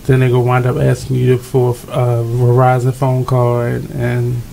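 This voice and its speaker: A woman's voice: extremely low pitch, monotone, measured pace, vocal fry, dark tone, a little hiss or hum, poor audio. A woman co-hosting a radio show, blunt and knowing in a slangy way. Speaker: radio co-host.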